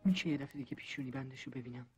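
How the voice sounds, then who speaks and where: A man's voice: medium pitch, soft background music, natural voice. An actor playing a young male soldier who apologizes and pleads with his mentor. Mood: pleading. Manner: pleading, boyish.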